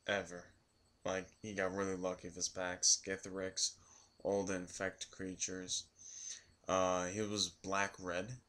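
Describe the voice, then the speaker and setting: A man with a hoarse, worn voice from yelling, recapping a card game event in a casual, rambling vlog full of ums and restarts. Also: deep voice.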